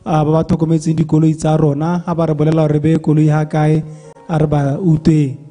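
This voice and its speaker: A man's voice: on the high side, completely flat delivery, fast talker, dark tone, soft background music. A young man giving a live interpretation of a sermon in a church hall, echoing each phrase promptly into a handheld microphone. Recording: hall reverb.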